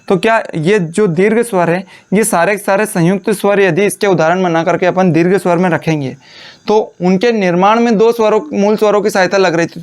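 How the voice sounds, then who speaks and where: High-voiced man teaching by dictation. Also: smooth. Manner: asks questions and answers them himself, repeats phrases slowly for dictation. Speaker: Hindi teacher. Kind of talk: classroom lecture dictating notes.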